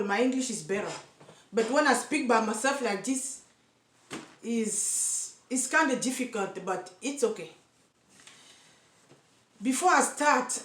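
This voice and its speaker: On the high side, a woman from Cameroon speaks with a Cameroonian accent to the camera as a single mothers' activist, earnest and insistent. She stumbles and repeats words as she looks for English. The vlog is recorded in an echoey room.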